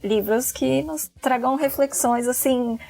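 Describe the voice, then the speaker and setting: A woman's voice: high voice, slow pace, creaky, a little mellow, soft background music. A woman in her thirties, chatting casually as a podcast guest, laughing often and filling her talk with fillers. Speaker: podcast guest, book club member. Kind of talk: casual chat about a book.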